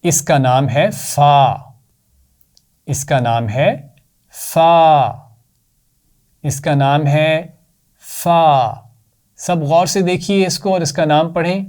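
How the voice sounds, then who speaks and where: A male teacher with a Pakistani accent giving a children's lesson, slowly drawing out each sound and praising often. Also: a little high, a little mellow. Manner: slow, drawn-out repetition with praise.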